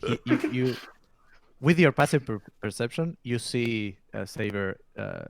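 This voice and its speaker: A man running a tabletop role-playing game as game master, describing scenes in a halting way with many filler sounds. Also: medium pitch, lively intonation, background noise.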